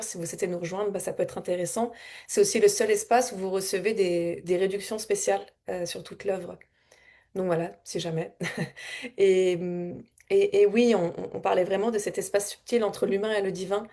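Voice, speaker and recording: Woman, spiritual coach, mid-pitched, rambling and heartfelt, lots of restarts and little laughs. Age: adult with a child. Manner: meandering, warm-hearted and emotional, often laughing and repeating words. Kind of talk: casual spontaneous reflective talk.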